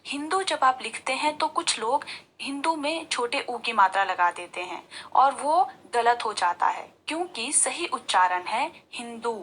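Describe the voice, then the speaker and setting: A woman's voice: high voice, lively intonation, a little slow, fairly bright tone, slightly rough. A woman teacher giving a patient Hindi spelling lesson to school pupils, stressing each syllable as she says the words aloud.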